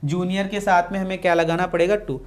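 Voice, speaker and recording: A man's voice: high voice, level tone, quick pace. Man teaching English grammar. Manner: repeats key phrases, quizzes students with questions. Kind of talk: classroom grammar lecture.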